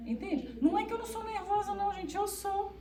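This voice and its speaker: A woman talking informally to a church group, soft and even in tone. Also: extremely high pitch, brisk, background noise. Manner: soft, even-toned, speaks of her monotone voice. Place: church hall. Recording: echoey room, far from the mic.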